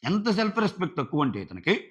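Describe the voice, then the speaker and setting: A man talking casually while reviewing a show, animated and acting out quotes from the people he discusses. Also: high voice, quick pace, husky. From India. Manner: animated, acts out quotes of others. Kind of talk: casual commentary.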